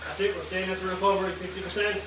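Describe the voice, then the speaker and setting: Guy coaching spin class, steady cadence, pretty flat high voice, short encouraging cues, super echoey and noisy. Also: rapid-fire. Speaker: indoor cycling coach. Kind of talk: live workout coaching with short cues and countdowns. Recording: echoey room, distant mic, loud background noise.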